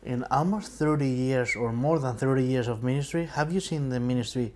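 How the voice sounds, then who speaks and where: Man, interviewer, short questions, affirming murmurs, mid pitch. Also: brisk, darkish tone, a little hiss or hum. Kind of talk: casual interview.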